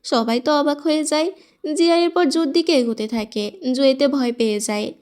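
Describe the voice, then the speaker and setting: A woman narrating a drama recap as a story, reading the characters' lines in her own voice with brisk storytelling. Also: high-pitched, darkish tone. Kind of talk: scripted story narration with quoted dialogue. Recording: faint background music.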